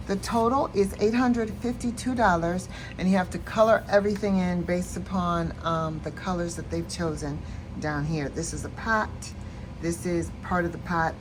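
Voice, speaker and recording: A woman casually walking through her savings challenges in a planner vlog, relaxed and chatty with many fillers, tired and yawning late at night. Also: fairly low pitch, normal speed, background noise. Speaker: planner and budgeting vlogger. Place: at home at night.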